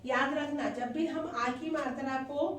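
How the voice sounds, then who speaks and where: High-voiced teacher asking children questions. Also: female voice, fairly even intonation, unhurried. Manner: asks children questions and repeats answers. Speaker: primary school teacher. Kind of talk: classroom lesson for young children. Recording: echoey room, voice from a distance.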